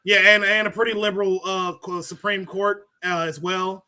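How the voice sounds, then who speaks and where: Guest, male, high and bright-toned, animated casual talker who swears freely. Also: normal speed. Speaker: podcast guest. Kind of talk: casual live-stream chat.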